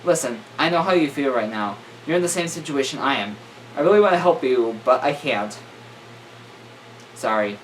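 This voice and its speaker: A man's voice: medium pitch, animated, normal speed, close to an everyday voice. A young man voicing an earnest, troubled teenage boy while reading a story aloud. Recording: distant mic with faint room noise.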